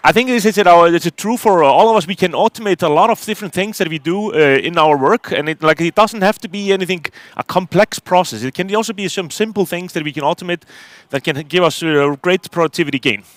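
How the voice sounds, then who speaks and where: Middle-aged man, conference talk on stage, fairly high voice, dry close sound. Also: fast, hardly any pauses, no room sound. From Iceland. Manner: hesitant, many fillers and restarts. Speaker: conference speaker.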